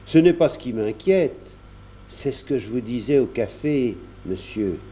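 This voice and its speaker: A man's voice: mid-range voice, lively intonation, unhurried, warm tone, close to an everyday voice. A man reading an earnest, humble young servant. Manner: respectful, earnest. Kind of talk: storybook reading.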